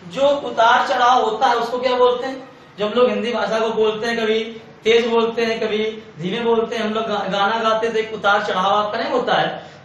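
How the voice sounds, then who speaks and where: A man's voice: very high voice, fairly bright tone, dull audio. A man teaching an exam-prep lecture, asking questions and answering them himself, repeating key points. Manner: repetitive, asks and answers own questions. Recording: echoey room, far from mic, faint hiss.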